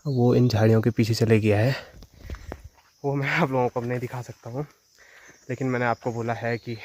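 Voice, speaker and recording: A man's voice: medium pitch, a little mellow. A man chatting to his viewers while walking outdoors in a forest. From Himalayan hills of northern India. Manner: chatty, addresses viewers directly. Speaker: village vlogger. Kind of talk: casual walk-and-talk vlog. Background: insects and rural outdoor sounds.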